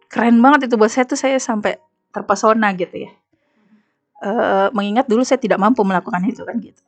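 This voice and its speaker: A woman's voice: mid-range voice, fairly quick, soft background music. A woman with an Indonesian accent, speaking as a guest on an Islamic women's talk show and telling stories with emphasis. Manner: emphatic, animated storytelling with acted quotes.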